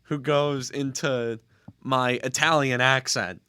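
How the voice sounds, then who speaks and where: Young male podcast host, bright and dry, casual joking chat. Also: medium pitch, steady tone, takes it slowly, clear, resonant tone, no echo. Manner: joking, rambling with restarts.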